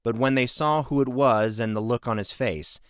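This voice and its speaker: A man reading fantasy audiobook narration in a measured, even way. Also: medium pitch, clear, resonant tone, no room sound, studio quality. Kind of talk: scripted narration.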